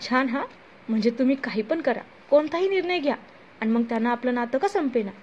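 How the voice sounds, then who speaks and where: A woman's voice: sits high, expressive, a little fast, darkish tone, a little hiss or hum. A woman voicing a hurt, tearful young wife who pleads emotionally, on a muffled lo-fi recording. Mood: hurt, bitter. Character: hurt young wife confronting her husband, then a terrified captive.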